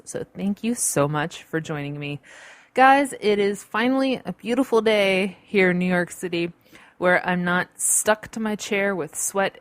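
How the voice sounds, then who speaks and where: A woman hosting her own podcast, talking in a bubbly, chatty way with big jumps in pitch, recorded at home. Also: no echo. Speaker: podcast host. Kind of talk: casual solo podcast talk. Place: home in the city. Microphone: studio mic recorded on a computer.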